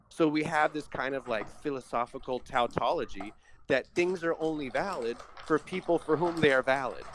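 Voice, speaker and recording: A man's voice: medium pitch, dry recording. Thoughtful philosophical man, dry sound. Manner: thoughtful, philosophical, frequent "you know" and "right". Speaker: astrologer host. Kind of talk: casual conversational teaching.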